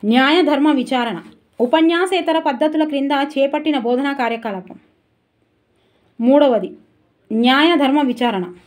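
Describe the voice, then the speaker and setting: A woman teacher giving a brisk, chatty exam revision lesson and turning aside to talk to viewers. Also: high-pitched.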